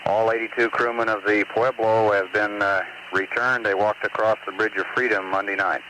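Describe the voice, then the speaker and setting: Low-voiced man on noisy space radio. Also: level tone, moderate pace. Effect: space mission radio link. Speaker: capsule communicator at mission control. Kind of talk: casual astronaut radio exchange with news and scores. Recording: noisy mission radio loop with hiss.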